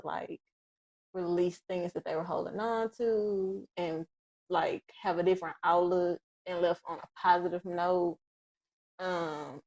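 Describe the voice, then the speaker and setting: Low-voiced woman co-hosting a relaxed podcast. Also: muffled recording. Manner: relaxed, soft-spoken, quick to push back. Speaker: podcast co-host. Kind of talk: casual chat.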